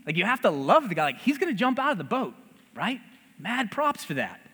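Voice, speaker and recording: A male pastor giving a sermon, conversational and humorous, telling the story with animated, lively delivery. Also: high-pitched, fairly quick, slightly rough, big-room sound.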